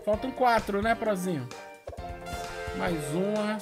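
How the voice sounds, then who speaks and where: A middle-aged Brazilian man giving casual, excitable gameplay commentary full of slang and exclamations, recorded in a room at home. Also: high-pitched, slow pace. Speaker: gaming video host. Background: music.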